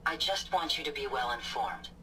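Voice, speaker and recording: A woman's voice: a bass voice, lively intonation, moderate pace, pushed and bright, slight background noise, full character voice. An actress playing a polite, helpful female robot companion who speaks in a formal, precise way. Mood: calm, formal. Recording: game audio from far off over music.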